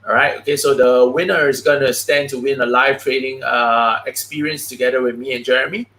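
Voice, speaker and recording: A man hosting a live investing stream, chatty and quick, filling his talk with "okay" and "all right". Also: medium pitch, steady tone, sharp tone. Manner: chatty, many "okay, all right" fillers, fast talking. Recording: roomy echo.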